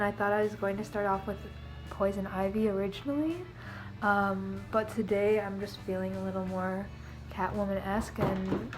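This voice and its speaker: With allergies leaving her nose blocked and snuffly, a young beauty and costume vlogger rambles casually to her camera from the living room, leaning on fillers such as "um" and "like." Her pitch stays in an ordinary middle range, soft music runs quietly in the background, and the audio is poor.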